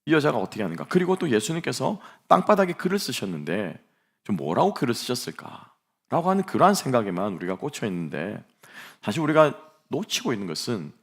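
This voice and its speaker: A man's voice: medium pitch, gravelly, breathy edge. A middle-aged man preaching a sermon as pastor, telling a story and asking the congregation rhetorical questions.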